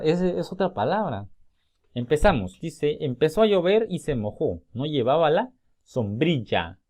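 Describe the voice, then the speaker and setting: A man's voice: on the high side, a little mellow. Man, teacher, step-by-step explanations, recorded class. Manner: explains step by step, slowly sounding out example words. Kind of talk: recorded spelling and grammar lesson.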